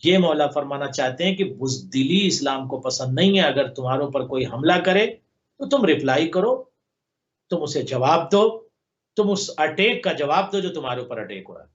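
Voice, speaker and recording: Guy doing sermon commentary, stacks up repeated phrases, kinda high voice, dull lo-fi sound. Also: animated. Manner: rhetorical, builds long repeated lists of parallel phrases; recites Arabic text slowly, then explains it. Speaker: religious scholar, guest. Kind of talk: sermon commentary on a live TV program.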